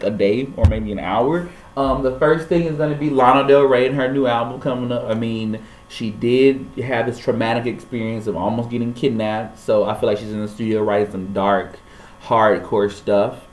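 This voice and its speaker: A playful man co-hosts a casual music news chat and throws in jokes. His voice has a middling pitch. The room sounds echoey, with a faint hum underneath. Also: steady tone, moderate pace, a little mellow. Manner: jokey, playful.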